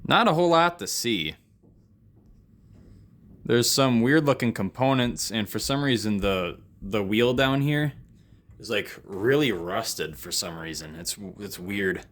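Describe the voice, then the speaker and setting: An expressive man with a fairly bright voice on the low side talks at a measured pace. He runs an electronics repair vlog and, from his basement workspace, gives casual, unscripted hands-on commentary that rambles and turns self-deprecating.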